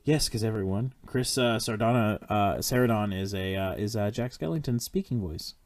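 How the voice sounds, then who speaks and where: A man's voice: on the low side, normal speed. A man hosting a podcast, chatting casually about a film, rambling with lots of fillers, restarts and swearing. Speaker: podcast host.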